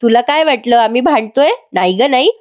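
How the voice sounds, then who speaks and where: Woman voicing a gentle soothing young mother. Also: a little high, animated, a little fast, close to an everyday voice. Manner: soothing, reassuring.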